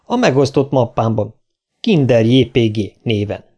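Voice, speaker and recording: A man voicing a male crew engineer, speaking slowly and precisely. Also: mid-range voice, expressive, a little mellow, lightly acted. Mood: polite.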